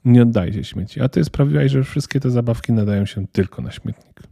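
A man's voice: medium pitch, a little fast, creaky, mellow, no echo, clean studio sound, pitched above the performer's own voice. A man voicing a small, fussy male Christmas elf who talks in a flustered, indignant, stern way.

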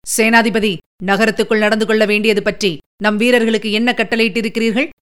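A woman voicing a calm, authoritative male emperor in an audiobook. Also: fairly high pitch, brisk, clean tone, lightly acted. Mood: composed. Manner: composed, authoritative. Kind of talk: audiobook character reading.

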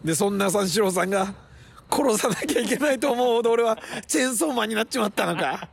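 A comedian chatting casually with a friend, roughly and loosely, often acting out other people's lines in a loud, high voice. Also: male voice, expressive, quick pace. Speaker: comedian podcast host. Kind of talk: casual chat recorded outdoors. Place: city park at night.

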